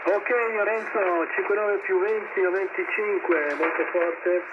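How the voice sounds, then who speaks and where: A ham radio net control operator speaks hesitantly with lots of filler sounds, spelling out call signs and switching languages as he runs the net. His voice sits high, fairly even in intonation and unhurried, coming through tinny shortwave radio with static.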